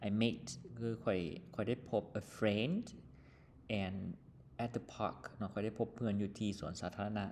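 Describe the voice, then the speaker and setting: A male teacher with a Lao accent explaining an English textbook lesson, reading English words slowly, then explaining them quickly with many fillers. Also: lowish voice, steady tone, darkish tone, a little hiss or hum.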